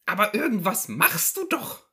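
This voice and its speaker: A woman voicing a fussy, reproachful middle-aged housewife in a comedy sketch, speaking in a high, insistent, scolding voice. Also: very animated, normal speed, bright, forceful tone. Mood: nagging.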